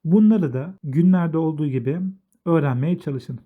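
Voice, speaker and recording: Man teaching basics on a tinny line. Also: a little high. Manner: slow, step-by-step, repeats each word in both languages. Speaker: English teacher. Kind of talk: explaining a beginner English lesson. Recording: tinny phone-like sound.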